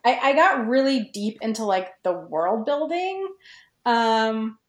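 A fan fiction writer appearing on a podcast, she has a fairly high, expressive voice and takes her time. She reflects on her writing in a relaxed, halting way, often reaching for words and saying "like". The room gives the audio a noticeable echo.

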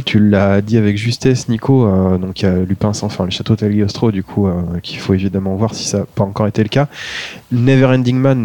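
A man's voice: fairly low pitch, warm tone, dry recording. A man, a guest author talking through film and book picks on a podcast, hesitant with many fillers. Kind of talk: podcast conversation.

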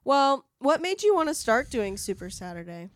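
A woman's voice: high voice, very animated, dry recording. A young woman chatting casually with her father, asking him questions and teasing him playfully. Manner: playful, quick to laugh and tease. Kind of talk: casual family chat.

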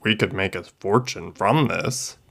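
A man's voice: low voice, measured pace, creaky, fairly bright tone, exaggerated voice. A man reading a story, voicing a dry, wry young son.

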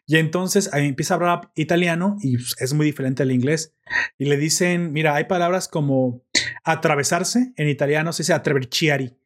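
A man with a voice a little higher than usual holds forth in a casual chat. He is animated and opinionated, and he rambles from one point to the next. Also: a little fast.

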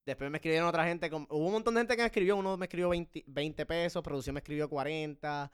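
A man's voice: fairly high pitch, quick pace, clean tone. A man with a Puerto Rican accent telling a profane, self-mocking story in casual podcast chat. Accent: Puerto Rican Spanish. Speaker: podcast host.

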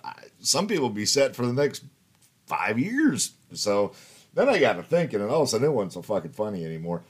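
A man's voice: fairly low pitch, sing-song, a little fast, slightly rough. A man in his fifties telling rambling personal stories in a casual monologue, swearing and laughing as he goes. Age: 50s. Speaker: podcast host.

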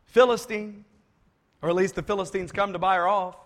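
A very high-voiced man preaching in a hall with a long, ringing reverb. He swings from loud, shouted passages to quiet, hushed asides and slips folksy humor in between. He sounds like a traveling preacher at a camp meeting. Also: fairly even intonation, a little fast, creaky. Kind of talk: sermon.

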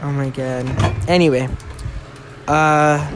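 A man's voice: a little high, steady tone, slow, noisy background. Rambling, foul-mouthed teenage guy. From Florida, USA. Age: teens. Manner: rambling, swears a lot, self-mocking. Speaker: podcast co-host. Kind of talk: casual chat. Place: home bedroom.

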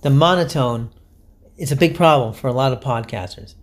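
A man's voice: medium pitch, moderate pace. Chatty candid male podcast host. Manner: chatty, candid, animated, self-deprecating. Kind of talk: solo podcast advice talk.

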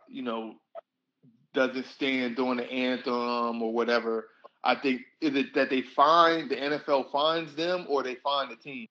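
A man's voice: medium pitch, pushed and bright, lo-fi sound. A man hosting a podcast in casual chat, laid-back but opinionated. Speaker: podcast host.

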